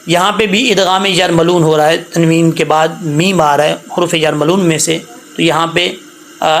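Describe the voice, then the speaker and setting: A man with a fairly high voice gives a patient recitation lesson. He spells each word out sound by sound, then draws the verse out in a slow, melodic chant. He keeps stopping to ask his listeners whether they follow. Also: a bit bright, a little hiss or hum. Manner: checks understanding with repeated questions. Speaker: Quran recitation teacher. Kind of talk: tajweed lesson, spelling words letter by letter.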